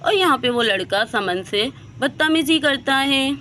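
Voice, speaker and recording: Brief: woman storyteller, high pitched, bright, plain doll story narration. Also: lively intonation, unhurried, slight background noise.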